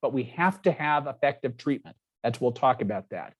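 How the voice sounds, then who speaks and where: Guy presenting at a webinar, measured, clear. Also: medium pitch, expressive. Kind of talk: formal presentation.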